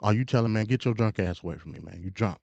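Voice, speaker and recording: Fairly low, with vocal fry and a darkish tone, an American man talks quickly over a dull, lo-fi live stream with no room sound. His political commentary is casual and opinionated. He's emphatic and slangy, repeating himself and stuttering as he chats.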